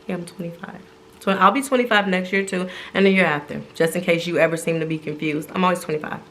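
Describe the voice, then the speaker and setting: A woman's voice: on the low side, steady tone, quick pace, a bit bright, slight background noise. A woman co-hosting a couple's channel, chatting casually and playfully, often laughing. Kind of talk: casual chat.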